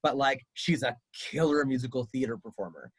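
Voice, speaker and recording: A man's voice: mid-range voice, normal speed, breathy edge, dry recording, poor audio. A man coaching a family on college auditions over a video call, chatty and upbeat with lots of fillers. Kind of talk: casual advice on a video call.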